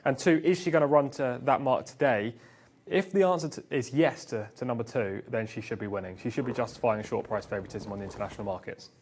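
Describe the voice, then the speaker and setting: Fast-talking man breaking down race form. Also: medium pitch, darkish tone. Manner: quick, confident form analysis. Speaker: studio racing analyst. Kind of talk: live racing broadcast analysis. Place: TV studio.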